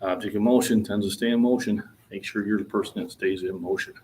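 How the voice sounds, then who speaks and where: He speaks quickly in a fairly low, steady, slightly mellow voice, with some background noise around him. In his sixties and vlogging about fitness, he talks casually at the gym about his lifting, rambling in a plainspoken way and chuckling easily.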